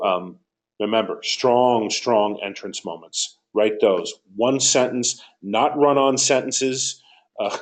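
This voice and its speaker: A man, a course director, answering student questions and giving notes in a conversational teaching session, repeating key points for emphasis. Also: lowish voice.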